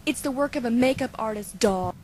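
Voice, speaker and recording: Sarcastic high-pitched cartoon cat, voiced by a woman. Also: a little fast, darkish tone, slight background noise, lightly acted. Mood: scornful. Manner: mocking, sarcastic, exaggerated emphasis. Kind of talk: fan dub cartoon acting.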